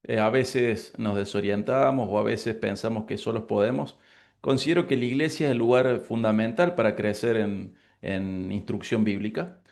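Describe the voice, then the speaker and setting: Argentine pastor guy, 40s, a bit gravelly, earnest, prays and talks slow. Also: on the low side, darkish tone. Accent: Argentine Spanish (Córdoba). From Córdoba, Argentina. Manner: earnest, grateful, unhurried. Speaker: pastor and lecturer. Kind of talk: prayer and interview answers.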